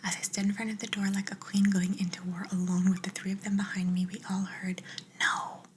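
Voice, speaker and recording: A young adult woman, an ASMR creator, reading viewers' stories in a soft, steady whisper. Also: mid-range voice, fast, a little hiss or hum, poor audio.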